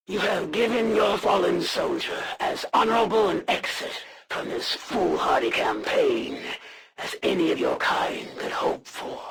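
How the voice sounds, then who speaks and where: In scripted video game villain voice acting, a woman with a medium-pitched voice plays a proud female alien assassin warrior who is menacing, honor-bound, and disdainful. She speaks slowly in a gravelly, haughty voice, solemn, formal, deliberate, and threatening.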